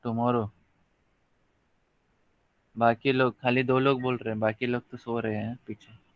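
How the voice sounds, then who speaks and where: A man teaching a college biology lecture, pausing often with fillers and checking that students follow. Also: medium pitch, little pitch movement, clear, resonant tone, no room sound. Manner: slow, hesitant, many fillers, checks understanding often. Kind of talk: live online lecture in Hindi-English mix. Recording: dry, dull lo-fi mic.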